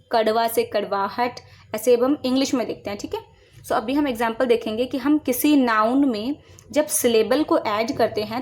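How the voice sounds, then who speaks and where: A young adult woman teaches a class of children, patiently explaining each term and regularly pausing to ask if they follow. She has a slightly high voice and calls her pupils dear as she walks them through examples. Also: darkish tone. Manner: addresses students as beta, frequent "है ना?" check-ins, explains slowly line by line.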